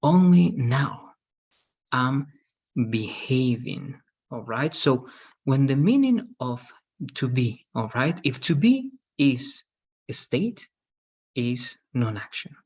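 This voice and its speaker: The audio, captured by a video call webcam, is dull and lo-fi. A man in his thirties with a mid-range, breathy-edged voice and big pitch swings teaches English grammar online, slowly and patiently following each point with "right?".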